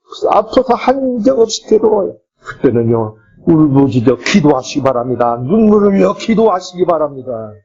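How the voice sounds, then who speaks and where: Lively, emphatic Korean pastor preaching. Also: male voice, normal speed, breathy edge, lo-fi sound, faint music behind. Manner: emphatic, swinging between high exclamations and low asides. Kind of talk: sermon.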